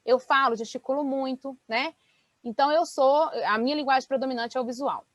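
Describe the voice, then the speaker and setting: A woman mentor giving an online sales training talk, explaining in a lively way and checking in with her listeners often. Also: high voice, fairly quick, dry recording. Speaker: business mentor and speaker.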